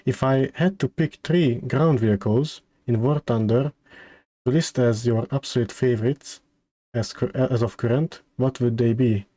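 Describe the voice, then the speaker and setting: A man streamer chatting casually on a livestream, halting and hesitant, often repeating his words. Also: medium pitch, mellow, no room sound. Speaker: streamer hosting a debut stream.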